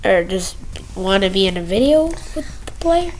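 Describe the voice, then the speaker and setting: A young video creator rambles playfully through casual gaming commentary while showing game cutscenes, stumbling over words in a very animated, mid-range voice at normal speed. It's a rough home screen recording made indoors, with music behind him and slight background noise.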